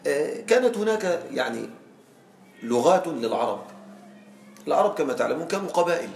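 A man's voice: a little high, very animated, fairly quick, vocal fry, darkish tone. A man teaching Arabic grammar in a classroom, explaining patiently and often checking that students follow. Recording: echoey classroom, faint background noise.

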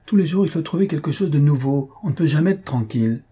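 A man's voice: a little high, expressive, fast, dark tone, breathy edge, pitched above the performer's own voice. A man voicing a carefree young count, chatty and falsely complaining, in a read-aloud novel. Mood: mock-complaining. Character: carefree young count, breezy and self-satisfied.

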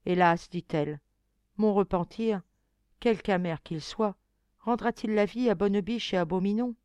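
A woman's voice: medium pitch, normal speed, darkish tone, smooth, no room sound, close to an everyday voice. A woman voicing a grieving, remorseful young girl in an audiobook, pleading and tearful in a raised voice. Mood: sorrowful. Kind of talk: audiobook reading.

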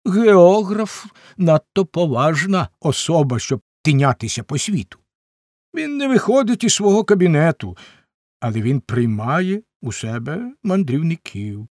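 A man voicing a self-important old male geographer in a storybook reading, lecturing slowly and with emphasis. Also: a little high, a little mellow, no echo, studio quality, voice pushed up.

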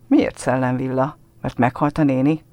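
A man reading a story, voicing a kind, curious young woman in his own voice, speaking gently and a little coaxingly. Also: mid-range voice, fairly even intonation, no echo, natural voice. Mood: gentle.

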